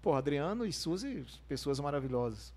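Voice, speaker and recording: A man's voice: fairly high pitch, sing-song, moderate pace, darkish tone. A man with a Brazilian accent co-hosting a live music stream in casual, slangy, sweary banter.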